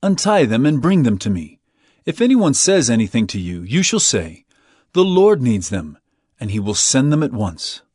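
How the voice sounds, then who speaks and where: An actor playing Jesus as a solemn, authoritative teacher in a dramatized scripture reading. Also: male voice, medium pitch, big pitch swings, normal speed, darkish tone, breathy edge, dry recording, clean studio sound. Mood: commanding. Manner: declarative, solemn, instructive.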